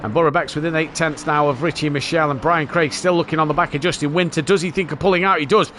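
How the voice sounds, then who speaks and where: A man's voice: on the high side, steady tone, fast talker, fairly bright tone, slight background noise. A man giving live race commentary as a motorsport commentator, calling the action as it happens.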